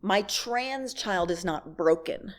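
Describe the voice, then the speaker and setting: A middle-aged woman, guest speaker at a church service, gives a candid, wry personal talk to the congregation, laughing as she tells stories and acts out bits of dialogue. Her mid-range voice has lively intonation, and she takes it slowly.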